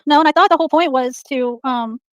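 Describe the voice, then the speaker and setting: Woman, livestream guest, high voice, quick, hesitant, lots of "like", dry sound. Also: fairly bright tone, dry recording. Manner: hesitant, trails off, many "like"s. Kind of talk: livestream conversation.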